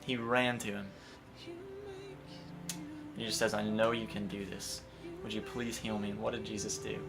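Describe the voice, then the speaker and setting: A young man in his twenties preaching an earnest sermon, building to impassioned emphasis and then dropping soft. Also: lowish voice, flat delivery, normal speed, creaky. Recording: guitar music playing underneath.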